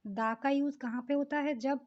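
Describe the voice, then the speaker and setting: A woman teaching English grammar in a classroom-style lesson. She explains slowly and patiently, mixes Hindi with English terms and often pauses on fillers and "okay". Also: high voice, fairly even intonation, darkish tone. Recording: dull lo-fi recording.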